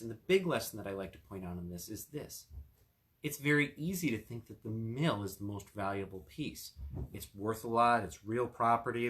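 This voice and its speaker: Set slightly low with a fairly bright tone, the voice comes with a little hiss or hum in the background. He is an attorney who tells a fairy tale and casually unpacks its lesson as estate tips.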